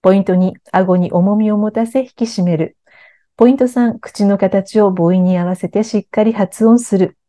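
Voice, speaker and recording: Woman, speech coach, scripted lesson narration, clear and even delivery, warm tone. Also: mid-range voice, moderate pace. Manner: clear, even-paced explanation.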